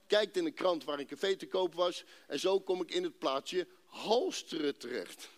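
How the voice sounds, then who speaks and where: Man from Rotterdam, high voice, emotional church testimony with drawn-out dramatic pauses. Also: animated. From Netherlands, Rotterdam. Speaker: speaker giving a personal testimony. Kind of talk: emotional faith testimony to a congregation.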